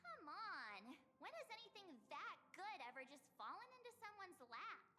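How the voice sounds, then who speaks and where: A woman's voice: extremely high pitch, sing-song, moderate pace, sharp tone, faint music behind, heavily acted. A woman voicing a perky, teasing young woman companion in a game, heard as reverby game audio. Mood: chirpy.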